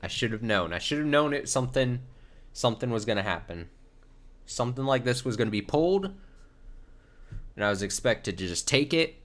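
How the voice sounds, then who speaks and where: Reacting live on stream to game cutscenes, a man reads subtitles aloud and curses in exasperation, repeating himself often. His mid-range voice is expressive and fairly bright, moving briskly but broken by long pauses.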